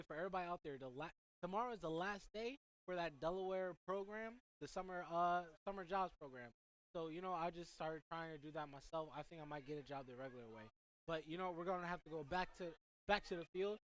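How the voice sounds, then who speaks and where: A teenage high school student doing excitable play-by-play commentary at a soccer game, rambling into asides for his listeners and out of breath. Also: slight background noise. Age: teens.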